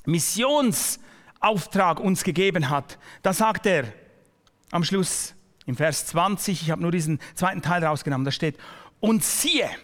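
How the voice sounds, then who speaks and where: A male pastor delivering a sermon to his congregation, speaking directly and personally to the listener, often slowing down and dropping almost to a whisper for emphasis. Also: fairly high pitch, fairly bright tone, long reverb tail.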